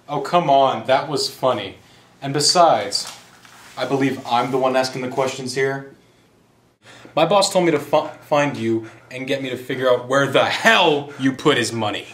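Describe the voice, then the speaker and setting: A man's voice: mid-range voice, echoey room, close to an everyday voice. A man acting a sarcastic, menacing gangster who taunts his captive in an amateur short film. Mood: mocking. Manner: mocking, taunting, theatrical.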